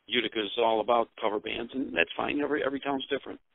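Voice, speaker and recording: A man's voice: mid-range voice, racing, gravelly, no room sound. A man from upstate New York, singer of a hard rock band, rambling with many ums over a phone line. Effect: heard over a phone line. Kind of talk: casual phone interview. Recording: tinny dry phone line.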